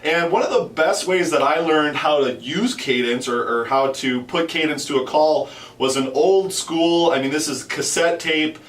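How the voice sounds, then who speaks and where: Echoey, higher-pitched man giving informal instruction. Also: moderate pace, few pauses. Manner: informal, repeats and rephrases himself. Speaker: host and instructor. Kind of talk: conversational instructional talk. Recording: roomy echo, distant from the mic.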